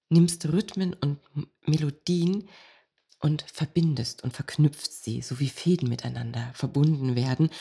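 A woman hosting a cultural podcast, introducing and questioning her guest in a measured way. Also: sits low, vocal fry, dark tone, slightly rough. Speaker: podcast host.

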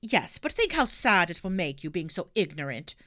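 A woman's voice: fairly low pitch, sing-song, moderate pace, bright, forceful tone, no echo, studio quality. A woman voicing a stern grown-up policeman who lectures a child in a patronizing way.

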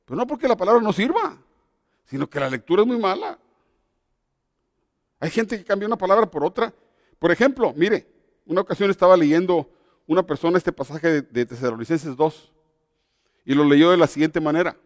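A man, a pastor giving a Bible study, speaking in an animated, emphatic way and pausing deliberately at commas. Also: sits high, dry recording, studio quality, in a large hall.

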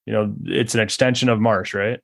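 A man hosting a podcast interview, talking in an easygoing, halting way with frequent restarts. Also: lowish voice, fairly even intonation, creaky, a bit bright. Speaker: podcast host. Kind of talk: casual interview chat.

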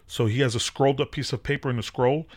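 Talking fast in a steady, mid-range voice, a man hosting a podcast loosely recounts a movie and pulls spiritual lessons out of it. His delivery wanders, packed with fillers and restarts.

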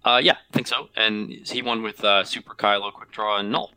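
Male co-host, deep but very bright, forceful voice, casual conversational explaining. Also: a little fast, smooth, no echo, low-quality recording. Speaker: podcast co-host. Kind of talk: casual chat.

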